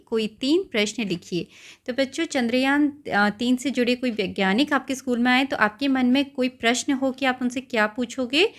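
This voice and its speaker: A woman's voice: fairly high pitch, fairly bright tone. A woman teacher patiently explaining a textbook lesson to young children, repeating words and stopping to explain their meanings. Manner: often checks in with "okay" and "right".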